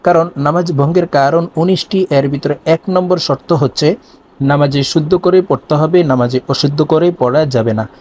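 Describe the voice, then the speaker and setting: A man's voice: fairly high pitch, brisk, darkish tone. A man teaching Quran recitation in a video lesson. He speaks straight to the viewers and patiently breaks words down sound by sound. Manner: addresses viewers directly.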